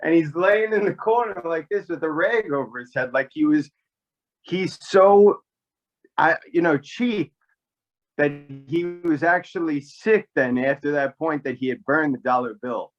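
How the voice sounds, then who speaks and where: A man from New York telling a family story casually, animated and full of fillers. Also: on the high side, measured pace, muffled recording, faint music behind. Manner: animated, rambling with many fillers. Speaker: podcast guest, actor.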